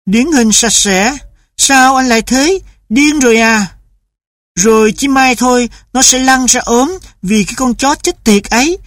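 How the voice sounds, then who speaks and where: A shrill, stern middle-aged mother, loud and sharp as she scolds, as a woman narrator puts her on. The delivery is raised and forceful, recorded dry and close. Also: unhurried, no room sound, natural voice. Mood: scolding.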